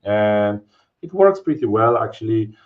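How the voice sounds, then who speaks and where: A presenter from Poland with a Polish accent covers a security topic in a live technical webinar, speaking a little slowly in a low voice with lively intonation. He explains casually, leaning on fillers and "right?" tags, and his home-office webcam stream comes through dull and lo-fi.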